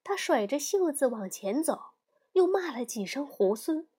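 A woman tells a storybook tale in a clear, lively narrating style. Her voice sits high. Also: moderate pace.

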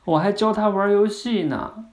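A man's voice: high-pitched, normal speed, a little mellow, pitched above the performer's own voice, natural voice. A man voicing a four- or five-year-old girl grieving her pet turtle, pleading and insistent. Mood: wistful.

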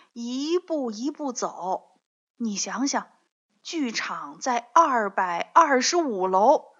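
A woman's voice: fairly high pitch, slightly rough, exaggerated voice. A woman voicing an apologetic, chatty doorman in a children's story, explaining patiently. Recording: slightly dull, lo-fi audio.

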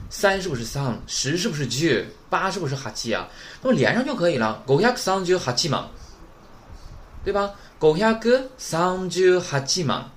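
A man's voice: a little high, fairly bright tone. A man teaching beginners Japanese numbers in a recorded lesson, drilling each word and constantly checking in with "right?".

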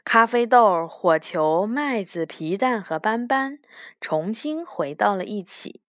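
A woman reading a children's picture book aloud with gentle, expressive narration. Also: medium pitch, slow, no echo, studio quality. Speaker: children's storyteller.

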